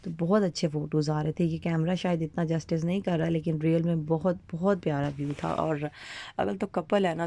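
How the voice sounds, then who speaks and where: A woman's voice: low-pitched, gravelly, mellow. A woman in her thirties with a Pakistani Urdu accent, chatting through a vlog voice-over with many fillers and English phrases mixed in. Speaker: vlogger. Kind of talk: casual voice-over narration.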